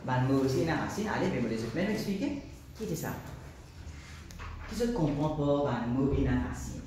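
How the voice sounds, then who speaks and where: A man's voice: a little high, expressive, moderate pace, darkish tone, a little hiss or hum. A man with a Mauritian accent teaching a class, asking questions and repeating students' answers. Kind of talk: classroom lesson. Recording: echoey classroom from far off.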